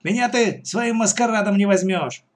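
A man's voice: high voice, normal speed, pitched above the performer's own voice, lightly acted. A man voicing a greedy, fierce old woman who leads a band of pirates, in a bossy, mocking way.

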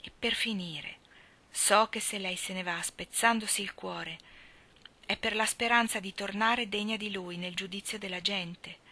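A woman reading the lines of an earnest, resolute young country girl in a steady delivery. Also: medium pitch, a little slow.

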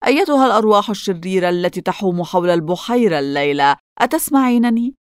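A woman putting on Captain Hook, booming and vain. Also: lively intonation, fast, clear, resonant tone, dry recording, studio quality, lightly acted. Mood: wary. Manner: booming, commanding. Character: blustering vain pirate captain, grown man.

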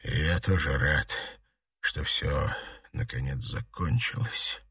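A man voicing a hoarse werewolf father, rough yet tender, in an audiobook. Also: extremely low pitch, slow pace, fairly bright tone, dry recording, recorded from a distance, pitched below the performer's own voice, heavily acted.

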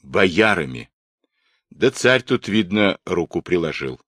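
Man voicing a grave, bitter Cossack, low and slow. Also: big pitch swings, a bit bright, dry recording, clean studio sound, exaggerated voice.

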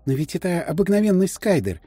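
Brief: male narrator doing a prim, skeptical schoolgirl, mellow tone, audiobook. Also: sits high, big pitch swings, a little fast, slightly rough, no room sound, faint music behind, exaggerated voice. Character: sensible curious schoolgirl, prim. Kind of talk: audiobook character voice.

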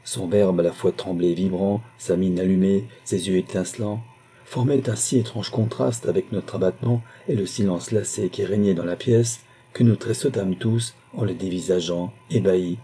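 A man reading literary fiction aloud in a measured, even way. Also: deep voice, slight background noise. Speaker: audiobook reader. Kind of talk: scripted literary narration.

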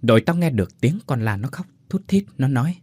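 A blunt female factory worker, as a man puts her on, bossy at first, then tearful, her voice slightly husky and rising and falling widely. She speaks up close in a dry, quiet space. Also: mid-range voice, very animated, a little fast, no room sound. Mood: sorrowful. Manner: bossy, scolding, then choked up.

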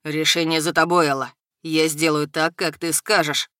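A woman voicing a calm, menacing male dragon shapeshifter with a low, rumbling voice in an audiobook. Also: moderate pace, dry recording, clean studio sound. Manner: cold, level, threatening. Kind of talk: audiobook character voice.

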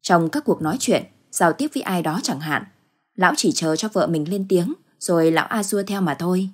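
Storyteller, woman, low husky voice, steady measured ghost-story narration.

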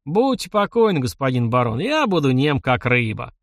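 A man's voice: medium pitch, big pitch swings, normal speed, no room sound, studio quality. A man voicing a blunt, superstitious soldier corporal who talks in folksy soldier speech. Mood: cheerful.

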